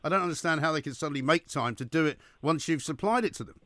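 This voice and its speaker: A man hosts a live radio phone-in, talking with callers at a rapid pace. His pitch is average and the sound is close and dry. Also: fairly bright tone, dry recording.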